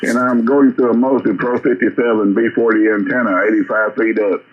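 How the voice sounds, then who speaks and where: A man's voice: medium pitch, flat delivery, fairly quick. A man from Texas calling in over ham radio, chatting about his gear and signing off politely. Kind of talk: casual radio chat. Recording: dull radio transmission.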